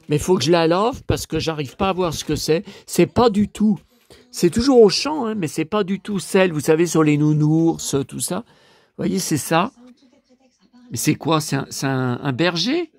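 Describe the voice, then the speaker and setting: A man from around Lyon rambles through a casual vlog, showing off his purchases in a raised, gravelly voice. His talk is loose and chatty, full of fillers and tag questions. Now and then he slips into exasperated complaining. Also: fairly high pitch, a little mellow. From Lyon area, France. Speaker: vlogger.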